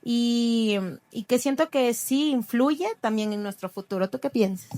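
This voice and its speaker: A woman's voice: on the high side, measured pace, a little mellow. A woman hosting a church podcast, chatting casually and asking her co-hosts questions. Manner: conversational, asks co-hosts questions. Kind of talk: casual chat.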